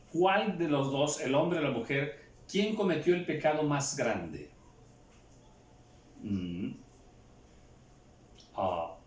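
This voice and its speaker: A man preaching a Bible teaching, asking and answering his own questions, halting with fillers. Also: a little high. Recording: roomy echo, far from mic, faint ambience.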